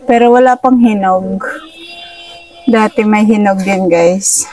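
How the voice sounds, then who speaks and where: Slow-talking young woman vlogging outdoors. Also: mid-range voice, dark tone, soft background music. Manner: chatty, keeps addressing viewers as guys. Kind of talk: casual vlog talk to viewers. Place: outdoors at a rural family home in the province. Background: chickens and roosters around.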